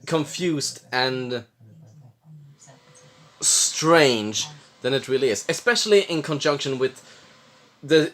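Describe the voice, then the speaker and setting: A drunk man from Sweden, giving rambling, halting and blurting casual commentary as he reacts to a film. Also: medium pitch. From Jämtland, Sweden. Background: film soundtrack, faint music.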